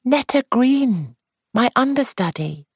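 Woman putting on a breathy high-pitched young actress, fretful and dramatic, lively voice. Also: slow, no room sound, clean studio sound, full character voice. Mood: confiding. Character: young woman, a famous actress, anxious and scheming.

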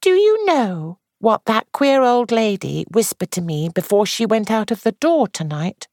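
A woman's voice: a little high, big pitch swings, unhurried, darkish tone, no room sound, clean studio sound, pitched above the performer's own voice. A woman reading aloud and voicing a young actress who sounds anxious, dramatic and confiding.

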